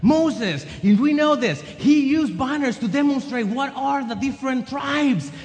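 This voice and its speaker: A man's voice: very high-pitched, animated, measured pace, a little mellow. A man preaching a sermon with an emphatic, rising and falling cadence. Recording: long hall reverb.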